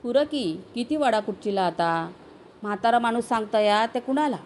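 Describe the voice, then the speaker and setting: A woman's voice: a little high, moderate pace, a little hiss or hum, close to an everyday voice. A woman voicing a young village wife who cuts into a family quarrel. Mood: curt.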